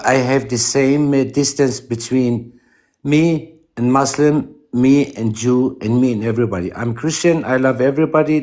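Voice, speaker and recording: A man from Lebanon who joins a live stream and hesitantly gives his opinion, with many fillers. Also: mid-range voice. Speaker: caller.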